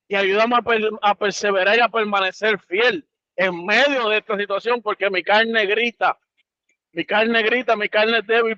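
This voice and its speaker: A man's voice: high-pitched, bright, forceful tone, no echo, dull audio. A man sharing a testimony in a Bible study, colloquial and vivid, praying aloud. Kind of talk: testimony and prayer.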